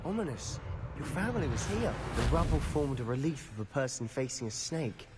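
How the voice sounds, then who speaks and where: A man's voice: medium pitch, sing-song, a little fast, very noisy, natural voice. An actor playing a wry, teasing young male wizard student in video game dialogue, with game music behind. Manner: dry, teasing wit.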